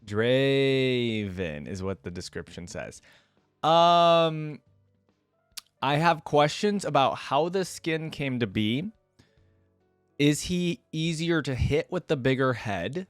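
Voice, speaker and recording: A man with a mid-range voice and lively intonation speaks slowly and smoothly, reacting off the cuff as a video host. He thinks aloud in a casual, wryly bemused way over soft background music in a dry recording.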